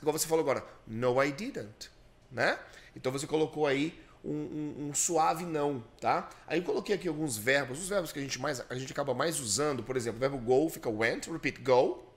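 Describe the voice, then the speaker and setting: A man's voice: a little high, fast. A man with a Brazilian Portuguese accent hosting a podcast and teaching English grammar, patiently explaining and drilling repetitions. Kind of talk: bilingual English lesson.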